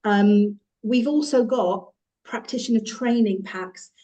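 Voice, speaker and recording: A woman with a mellow, warm tone, explaining children's learning as a podcast guest. She talks fluently and in a teacherly way, and sometimes lifts into a sing-song voice to show an example. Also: medium pitch, slow. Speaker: guest from a children's music and movement company. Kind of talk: podcast interview.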